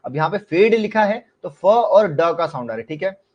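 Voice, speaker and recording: A man's voice: high-pitched, animated, moderate pace, a little mellow, lo-fi sound. A man with an Indian accent teaching a live online class, explaining in Hindi mixed with English terms and putting frequent questions to his students. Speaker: shorthand teacher.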